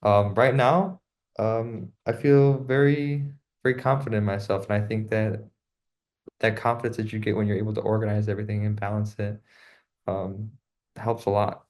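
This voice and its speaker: A young man, a student co-host in casual talk, relaxed and full of fillers. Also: fairly low pitch, moderate pace. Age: young adult. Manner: relaxed, many fillers like 'um' and 'you know'. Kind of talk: casual podcast conversation.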